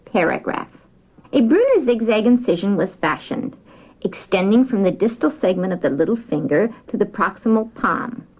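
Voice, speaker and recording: A woman's voice: mid-range voice, darkish tone. A woman giving a formal medical dictation as a surgeon, speaking in a precise, carefully enunciated way. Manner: precise, enunciated, spells out words. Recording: dull lo-fi dictation recording.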